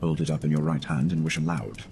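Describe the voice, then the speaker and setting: Gruff old army sergeant, super low creaky voice, grave and wary, horror audio story. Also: male voice, steady tone, fast talker, background noise. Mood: gruff, ominous. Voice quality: deep, gravelly. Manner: solemn, gruff warnings. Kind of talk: dramatic horror audio reading.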